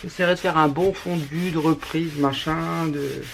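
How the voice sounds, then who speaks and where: A woman's voice: sits low, steady tone, a little slow, creaky, noisy background. Chatty woman with a northern French accent. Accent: northern French (ch'ti). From northern France. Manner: chatty and rambling, many restarts. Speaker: scrapbooking YouTuber. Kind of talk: casual craft tutorial chat.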